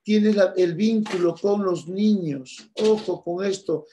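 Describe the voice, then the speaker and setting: A man with a high voice teaches a church class at an unhurried pace. He is earnest, repeats his key points and addresses listeners as brothers and sisters. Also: dark tone, slight background noise.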